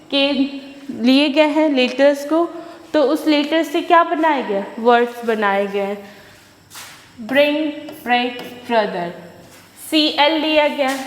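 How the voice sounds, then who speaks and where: Slow, echoey woman teaching English. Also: sits high. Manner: asks the class questions and answers them herself; reads English rules slowly, then explains them. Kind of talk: online class lecture. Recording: echoey room with long reverb.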